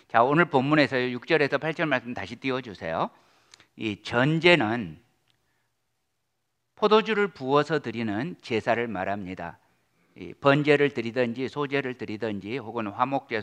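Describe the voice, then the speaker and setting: A man's voice: mid-range voice, a bit bright. A male pastor giving a sermon in an earnest, conversational preaching cadence, reading scripture and explaining it to his church. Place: church sanctuary.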